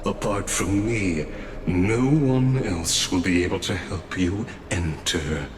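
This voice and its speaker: In scripted video game voice acting, an actor plays a long-lived male robot gatekeeper and watcher who is formal, courteous and calculating, staying calm, measured and unfailingly polite. His voice sits low with a little hiss or hum, echoing over clear background music.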